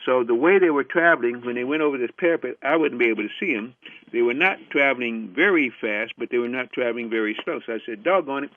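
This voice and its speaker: A man's voice: mid-range voice, fast talker, no echo. An older man telling a personal story as a lecturer, acting out the dialogue he remembers with many "I said" asides. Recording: tinny phone-like dry recording.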